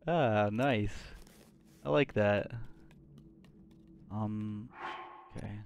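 A let's play commentator offers casual live reactions to a video game, short and easily awed. His voice is fairly low and darkish, very slow with long pauses, over soft music and clear game ambience.

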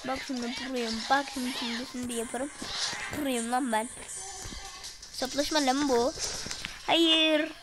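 A woman giving casual, excitable commentary on her gameplay and talking to her viewers. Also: sits high, moderate pace, long pauses, rough recording. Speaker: gaming streamer. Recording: music playing in the background.

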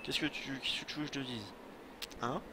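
A man's voice: mid-range voice, brisk. A young man casually commenting on his gameplay, joking, swearing and talking to his chat. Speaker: let's play streamer. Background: game music.

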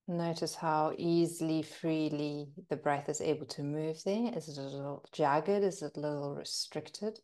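Speaking softly and calmly, a woman leads a guided breathing meditation with long, unhurried pauses. Her voice is low and her intonation fairly even.

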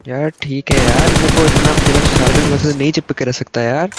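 A man's voice: mid-range voice, steady tone, heavy background noise. A man, bossy and mocking as he streams an online game on a headset mic. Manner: mocking, bossy, quick-tempered. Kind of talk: playful gaming banter. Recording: music behind the voice.

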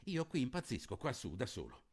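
A man's voice: mid-range voice, wildly swooping pitch, fairly quick, breathy edge, pitched above the performer's own voice. A man reading the lines of a restless young man in hiding who protests in exasperation. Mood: exasperated.

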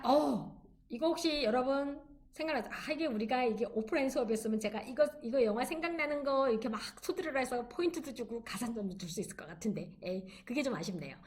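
A woman giving an online English lecture, encouraging students and drilling phrases slowly for them to repeat. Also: sits high. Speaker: English teacher.

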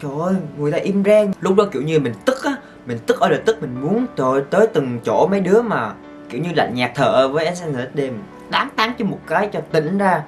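A man, telling stories to his viewers as a vlogger in an excitable, gushing way. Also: fairly high pitch, fast, soft background music. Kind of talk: casual storytelling to viewers.

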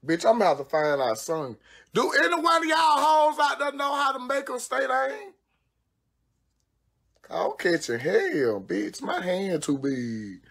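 A woman's voice: fairly high pitch, sing-song, measured pace, vocal fry, a bit bright, breathy edge. A woman on a phone livestream at home, talking casually and cursing freely while she does her own nails. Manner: brash, profane, exclamatory, frequent cursing. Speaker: social media personality.

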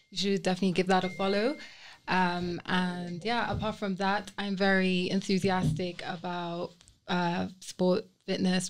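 A young woman from Kenya, a guest on a studio podcast, introducing herself in a friendly, upbeat way. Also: medium pitch. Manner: friendly, upbeat, with filler ums. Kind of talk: casual podcast conversation. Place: small indoor podcast studio. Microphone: studio microphone on a stand.

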